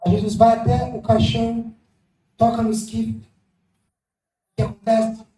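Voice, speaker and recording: A male pastor delivers an impassioned sermon, swinging from sudden shouts to hushed asides. His voice sits very high and carries a roomy echo. He stands back from the mic, with faint music playing behind him. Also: completely flat delivery, slow. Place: church hall. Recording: echoey church hall, mic at a distance, faint music.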